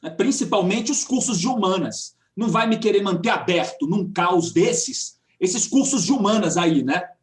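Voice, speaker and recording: A woman's voice: medium pitch, expressive, normal speed, few pauses, echoey room, natural voice. A woman acting a smug, pompous, censorious mayor in a hammy satirical dramatic reading, with a drawling delivery. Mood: pompous, dismissive. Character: smug, censorious authoritarian mayor, capricious and pleased with himself.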